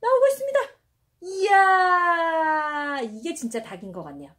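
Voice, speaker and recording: A woman's voice: very high voice, very animated, unhurried, fairly bright tone. A young mother in her home, narrating play with her baby in a cooing, exclamatory, sing-song way. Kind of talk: playful parenting vlog narration. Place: home indoors.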